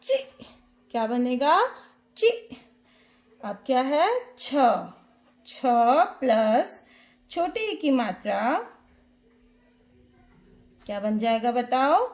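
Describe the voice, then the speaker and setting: A young woman teacher with a high, bright voice talks to small children at an unhurried pace. She asks the same simple questions again and again in a patient, sing-song way. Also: very animated. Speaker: kindergarten teacher. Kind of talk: online Hindi alphabet lesson for small children.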